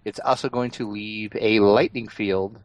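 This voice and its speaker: A man co-hosting a casual gaming podcast, calmly explaining new features step by step. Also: on the low side, measured pace, no echo, poor audio. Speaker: podcast co-host.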